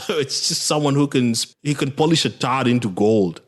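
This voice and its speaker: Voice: medium pitch, moderate pace. A podcast co-host chatting casually about a TV series, with a laid-back manner, frequent laughs and short agreeing replies. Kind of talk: casual TV review chat.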